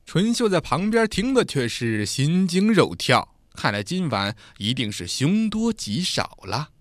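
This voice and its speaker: A man narrating a dramatic story in an expressive, animated way. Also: a little high, measured pace, no echo, studio quality.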